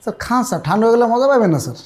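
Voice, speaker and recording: An actor playing a desperate young rickshaw puller who begs and whines, speaking in a TV drama with loud music under the dialogue. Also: male voice, very high-pitched, very animated, rapid-fire. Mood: pleading. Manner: whiny, pleading, keeps saying "sir". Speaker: rickshaw puller begging for his girlfriend. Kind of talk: TV drama acting.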